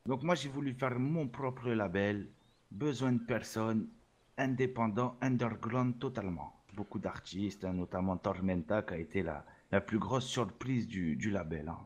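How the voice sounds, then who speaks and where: Taking on the part of a boastful Salvadoran rap label boss, a man drops Spanish words and "hein" throughout a role-play interview. He speaks at normal speed in a lowish, slightly rough voice.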